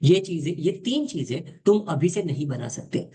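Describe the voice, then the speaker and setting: A man's voice: on the high side, animated, moderate pace, dark tone. A young man, giving an informal, direct lesson to viewers and switching between Hindi and as he explains. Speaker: exam coaching tutor.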